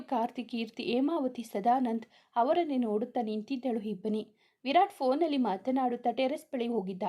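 A woman with a Kannada accent narrating a serialized romance story in a steady reading voice. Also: on the high side.

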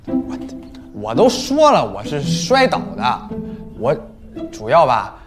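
A man's voice: a little high, huge pitch swings, slow, heavily acted. An actor playing a boastful, easily flustered young man in a TV drama. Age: young adult. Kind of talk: TV drama acting. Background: music.

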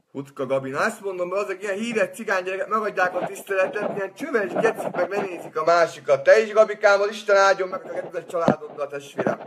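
A man on a live stream, boisterous and swearing, who turns soft and sentimental in his farewells. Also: sits high, background noise. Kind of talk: rambling live-stream monologue.

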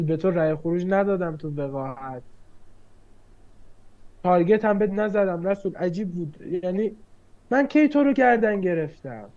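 A man recapping an online mafia game as a player, defending his votes with rapid reasoning. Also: fairly high pitch, warm tone. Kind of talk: casual argumentative game recap. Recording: lo-fi online call audio.

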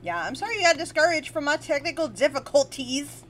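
Lively, teasing woman podcast host. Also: sits high, a little fast, a little hiss or hum. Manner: loud, swearing, teasing. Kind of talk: casual chat. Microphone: shared desk mic at home.

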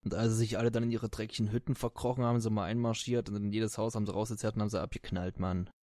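A man's voice: fairly low pitch, little pitch movement, very fast, warm tone, no echo, clean studio sound, close to an everyday voice. A man doing a foul-mouthed soldier. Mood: boastful. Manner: vulgar, swearing, slangy and dismissive. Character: crude foul-mouthed male soldier under interrogation. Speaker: game master voicing a character. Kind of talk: tabletop role-play in character.

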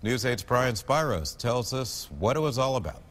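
Male anchor, middle-aged, mid-pitched broadcast news delivery in a reverberant space. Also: expressive, moderate pace, a bit bright. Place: TV news studio.

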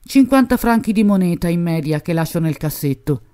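A woman's voice: on the low side, animated, fairly quick, mellow, natural voice. Woman voicing a cagey male club owner.

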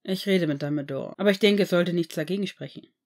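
A woman doing a low, gentle male teacher. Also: fast talker. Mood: kind. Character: calm, gentle adult male potions teacher.

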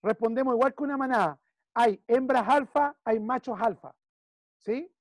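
A man's voice: very high voice, moderate pace, no echo, studio quality. A man with a Chilean accent coaching a client one-on-one, emphatic and repeating key phrases while he checks in. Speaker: business consultant.

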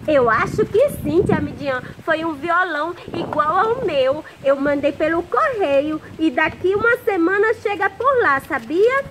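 Uma mulher dando voz a um bonequinho menino alegre, que fala de um jeito brincalhão e infantil. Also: female voice, very high-pitched, animated, measured pace, few pauses. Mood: eager. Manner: eager, playful, childlike. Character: cheerful little boy puppet who plays guitar. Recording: noisy background.

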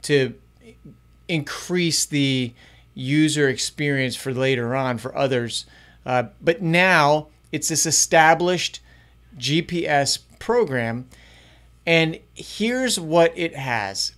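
A man's voice: fairly high pitch, animated, slow pace, a bit bright. A middle-aged man hosting a youth ministry channel, talking upbeat and chatty as he walks through a tutorial in a small home studio on a close mic. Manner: upbeat, chatty, varying pace. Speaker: youth ministry podcast host. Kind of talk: casual tutorial vlog. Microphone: close studio mic in front.

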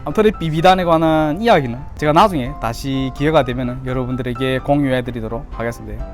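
A YouTuber from Yanbian, China, in his thirties, reminisces about childhood while talking casually to camera. He speaks with a Chinese-Korean Yanbian accent in a mid-range voice at a quick pace, with faint music behind.

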